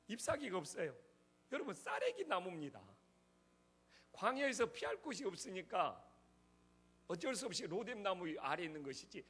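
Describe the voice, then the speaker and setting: Husky-voiced pastor preaching, lively pitch. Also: male voice. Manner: conversational preaching, addresses congregation directly. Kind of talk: sermon. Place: church sanctuary.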